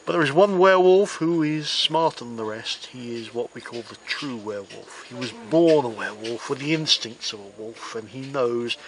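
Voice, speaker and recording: A man delivering card magician patter as spooky storytelling, with theatrical, deliberate phrasing and dry humour. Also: mid-range voice, crowd noise, poor audio. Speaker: magician presenting a trick of the week.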